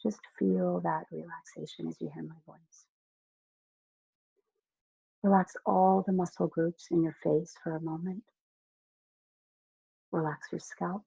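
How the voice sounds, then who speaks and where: Hypnotist for a guided relaxation read: soft, unhurried, mellow and dark tone, dry close sound. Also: mid-range voice, level tone, vocal fry, breathy edge, dry recording, lo-fi sound. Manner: slow, soft, soothing instructions with long pauses.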